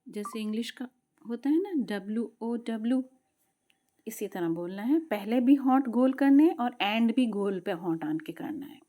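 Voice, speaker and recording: A woman teaching Quran pronunciation, explaining patiently and slowly modelling each letter sound, sometimes dropping to a soft whisper. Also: on the high side, lively intonation. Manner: drops to a soft whisper at times. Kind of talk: tajweed lesson.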